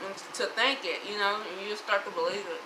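A woman's voice: mid-range voice, a little fast, recorded from a distance. A woman co-hosting a mukbang, chatting casually to viewers with her mouth full. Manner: relaxed, talks straight to viewers. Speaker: mukbang co-host. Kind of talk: casual chat while eating. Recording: echoey room, off-mic, noisy background.

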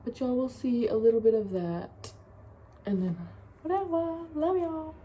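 A woman's voice: sits high, big pitch swings, dark tone, slight background noise. A woman, chatting casually to her camera in a hotel room about a haul and her plans. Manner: chatty, drawn-out, upbeat sign-off. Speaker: vlogger. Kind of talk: casual vlog talk to camera. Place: small hotel room indoors.

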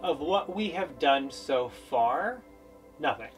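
A man's voice: fairly high pitch, slow pace. Dry-joking young man in a boat cabin. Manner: relaxed, dry joking, explaining plans. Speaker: boat-owning video host. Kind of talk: casual chat, boat tour. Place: small wooden boat cabin, indoors. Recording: voice a bit distant, music behind.

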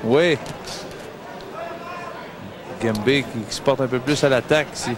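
A man with a Quebec accent giving casual, halting sports commentary as a second commentator. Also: medium pitch, a crowd in the background. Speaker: boxing co-commentator. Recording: noisy live arena broadcast.

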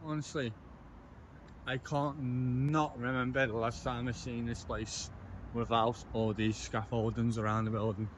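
Here the young man's voice is medium in pitch, level in tone, and measured in pace, with a slight hiss or hum. Strolling outdoors through town at dusk with his phone in hand, the slightly drunk vlogger chats away, wandering off topic and saying things twice.

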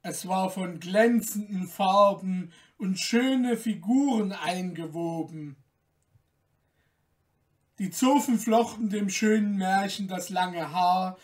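A man reads a fairy tale aloud in a calm, gentle storytelling voice. His voice sits high for a man and he takes his time. The microphone is a little distant. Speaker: storyteller, podcast host.

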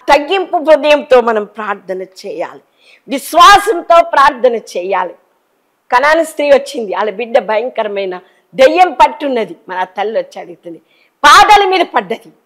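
A middle-aged woman preaching a sermon fervently, pleading and swinging from loud cries to hushed low lines. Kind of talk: emotional Telugu sermon.

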